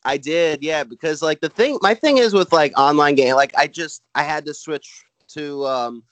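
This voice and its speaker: Halting man with a Brooklyn accent. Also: fairly high pitch, a bit bright, no room sound. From Brooklyn, New York. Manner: halting, rambling, peppered with "like". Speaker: stand-up comedian, podcast guest. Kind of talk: casual chat.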